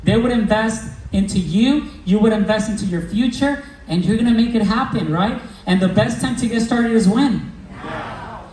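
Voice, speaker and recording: A man giving a motivational stage talk to a live audience, slangy and energetic, telling stories and quizzing the crowd. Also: sits high, normal speed. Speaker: business coach speaking at a recruiting meeting. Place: event hall with a live audience. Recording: roomy hall, mic from a distance, faint background noise.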